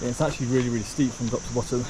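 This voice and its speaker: A man's voice: mid-range voice, steady tone, very fast. Male travel vlogger, casual rambling delivery, handheld camera outdoors, audible insect noise. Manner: chatty, rambling, lots of ums. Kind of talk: casual travel vlog narration. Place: outdoors on a rock trail.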